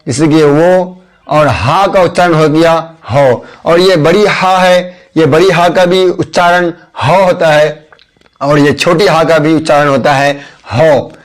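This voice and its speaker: A man teaching the alphabet as a spoken lesson, patiently repeating each letter and its sound step by step. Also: fairly high pitch. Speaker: Urdu teacher.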